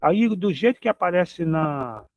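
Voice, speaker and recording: Slow, patient man teaching Hebrew grammar. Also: on the high side, lively intonation, a little mellow, no echo, highs cut off. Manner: patient, repeats each example word slowly. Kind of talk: recorded grammar lesson.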